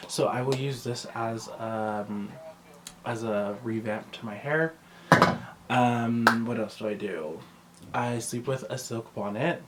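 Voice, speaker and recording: In a slow, fairly even medium-pitched voice, a vlogger talks to camera about his personal routine. His chat is rambling and conversational, full of self-interruptions, and heavy background noise runs underneath.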